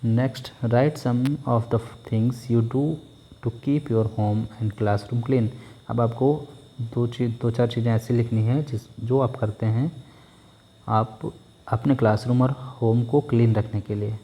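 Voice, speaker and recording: A male teacher with an Indian English accent. He reads English textbook lines aloud slowly and explains them quickly in Hindi. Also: mid-range voice, steady tone, dark tone.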